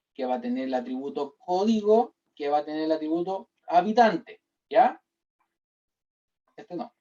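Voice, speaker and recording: Heard from a distance on a dull, lo-fi class recording, this university lecturer with a Chilean accent explains data modeling step by step. His high, mellow voice checks in with listeners almost every sentence through constant "¿ya?" and "¿cierto?".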